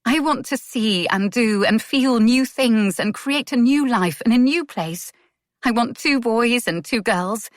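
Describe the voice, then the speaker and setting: A woman's voice: on the high side, a little slow, no echo, studio quality, voice pushed up, lightly acted. Woman voicing a tremulous young noblewoman. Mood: earnest. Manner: trembling, earnest. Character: young noblewoman in love, earnest and emotional. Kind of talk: audiobook character voice.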